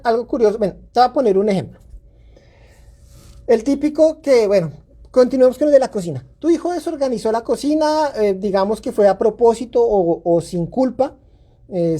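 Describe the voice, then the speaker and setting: A woman hosts a parenting talk with a mellow, warm tone. She speaks earnestly, like a coach, and sometimes acts out the voice of an upset parent before going back to calm advice. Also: mid-range voice. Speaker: parenting podcast host.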